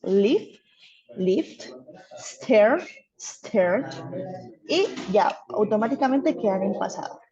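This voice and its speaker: A woman's voice: mid-range voice, lively intonation, takes it slowly, long pauses, dark tone, highs cut off. A woman teaching an English grammar class, patient and checking in often with her students. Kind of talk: online class explaining grammar.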